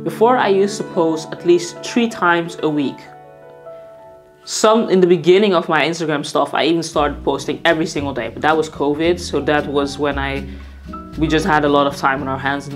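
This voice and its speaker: A young woman vlogger talks straight to her viewers in a loose, candid way, circling back and fixing her words as she goes. Her voice sits unusually low for a woman, and soft music plays faintly behind her. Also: steady tone, moderate pace. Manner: candid, rambling, self-correcting. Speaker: vlogger and designer. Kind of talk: casual to-camera vlog talk.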